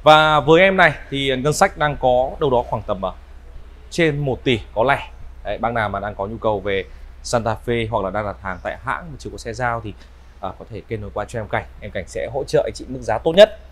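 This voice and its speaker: A man in his thirties with a northern Vietnamese accent gives an unscripted used-car sales walkaround in smooth, polite, repetitive patter. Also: medium pitch, brisk, a bit bright. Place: large indoor car showroom. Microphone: clip-on lapel mic.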